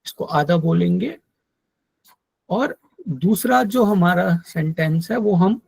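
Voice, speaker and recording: A man teaching a yoga text in an online class, explaining slowly and patiently and drilling Sanskrit pronunciation. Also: sits high, expressive, gravelly, a little mellow, husky, no echo. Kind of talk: online lecture.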